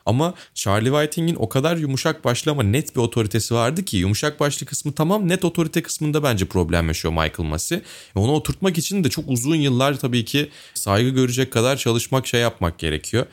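A man's voice: mid-range voice, expressive, quick pace. A man co-hosting a casual talk show, giving opinions at length and thinking aloud with fillers. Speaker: podcast co-host. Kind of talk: casual conversational commentary.

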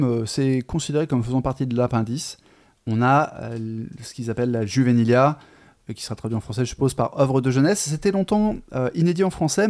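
A man co-hosting a casual literary discussion podcast, talking in a chatty, hesitant way with many pauses and restarts. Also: mid-range voice, a little mellow. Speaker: podcast co-host.

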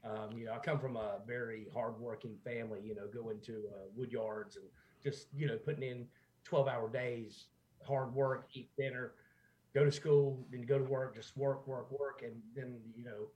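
A man's voice: mid-range voice, moderate pace. Southern-accented man chatting on a call. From North Carolina, USA. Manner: relaxed rambling with fillers. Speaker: guest musician. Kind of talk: casual chat. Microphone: video call.

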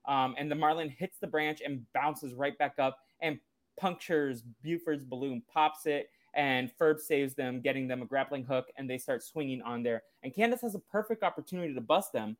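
Podcast co-host, male, loose rambling recapper, middle pitch. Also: moderate pace. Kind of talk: casual podcast episode recap.

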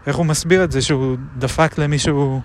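A man recording a reflective spoken diary outdoors, musing aloud with many pauses and hesitations. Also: fairly high pitch, steady tone. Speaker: video diarist. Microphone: action camera. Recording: traffic noise outdoors.

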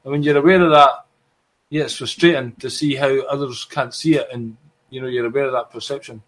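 A man's voice: medium pitch, fairly even intonation, a little fast, a bit bright, low-quality recording. A man chatting casually and informally as an interviewer. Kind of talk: casual chat.

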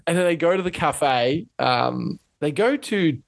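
A man's voice: fairly high pitch, a little slow. A young man with an Australian accent, co-hosting a casual chat and animatedly acting out stories. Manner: animated storyteller, acts out quotes. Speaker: podcast co-host.

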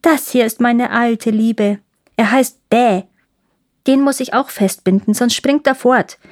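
A woman's voice: on the high side, slow. A fierce, bossy robber girl, put on by a woman reading a fairy tale aloud. She speaks in a raised, blunt and teasing way, like a wild child who likes to give orders.

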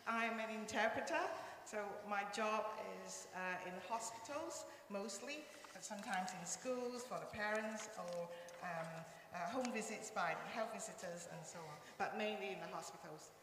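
Standing before a congregation, a woman from Malaysia whose first language is Cantonese gives a casual testimony, speaking at a moderate pace in a mid-range voice. A church member who also works as an interpreter, she sounds hesitant and earnest, with plenty of little ums. A strong, long echo fills the church hall, with faint noise underneath.

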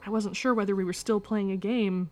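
A woman reading a first-person memoir aloud in a steady, measured storytelling manner. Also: medium pitch, soft background music. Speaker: narrator.

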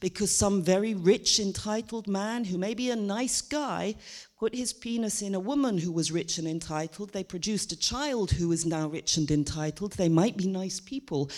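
A woman's voice: medium pitch, warm tone. A woman who was trained as an actor, giving a stand-up monologue to a live audience and moving between chatty asides and theatrical declamation. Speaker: stage performer. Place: stage before a live audience.

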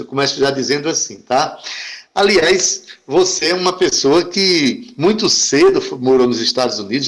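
A man hosting a talk show interview, asking rambling questions and praising his guest. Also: mid-range voice. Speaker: interview host.

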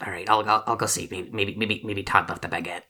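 A man runs a tabletop game in a very low voice that still carries a bright, sharp edge. He narrates haltingly and restarts his sentences often. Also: steady tone. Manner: halting, many restarts and fillers. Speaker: game master.

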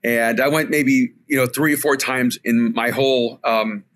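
A man from El Salvador whose first language is Spanish, speaking as a podcast guest in an earnest, reflective storytelling way, in quick bursts. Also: medium pitch, steady tone, fairly bright tone. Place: remote call from home.

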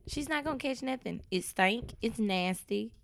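A woman's voice: fairly high pitch, animated, normal speed, vocal fry, fairly bright tone, a little hiss or hum. A woman co-hosting a podcast in casual chat, making emphatic, playful points and drawing them out. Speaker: podcast co-host.

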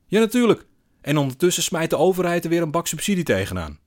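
Indignant bar-room ranter, middle-aged man, pitched high and loud, a man putting him on. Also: animated, brisk. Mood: ranting. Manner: indignant, shouting, bellowing.

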